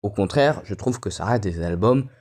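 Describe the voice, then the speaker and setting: A man's voice: lowish voice, animated, normal speed, darkish tone. A man casually explaining in a voice-over, plain and a little annoyed. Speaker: music reviewer.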